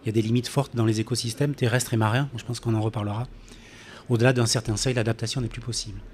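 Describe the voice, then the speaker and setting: A man's voice: medium pitch, steady tone, fast, darkish tone. A man giving a public science talk in a café event room, hesitant with many fillers and restarts, sometimes drifting off the microphone. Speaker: climate scientist speaker. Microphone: handheld mic, drifting off it.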